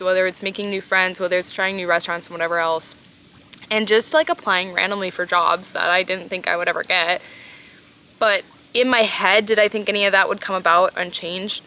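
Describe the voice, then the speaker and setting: A woman's voice: medium pitch, pushed and bright, slight background noise. A woman hosting a casual motivational podcast from an outdoor pool, talking in an informal, earnest and emphatic way. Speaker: podcast host. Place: outdoors, sitting in a pool at sunrise.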